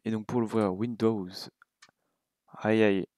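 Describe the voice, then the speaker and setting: A young man with a French accent giving a relaxed, casual coding tutorial at his computer, thinking aloud with many fillers and asides. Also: lowish voice, slow, no echo, clean studio sound. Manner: relaxed, talks while clicking, many fillers and little asides. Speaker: game development tutor.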